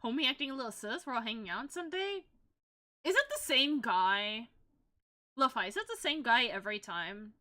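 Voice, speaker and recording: A woman's voice: a little high, expressive, moderate pace, pushed and bright. A young woman streaming as a VTuber, chatting casually while she paints, rambling and laughing often.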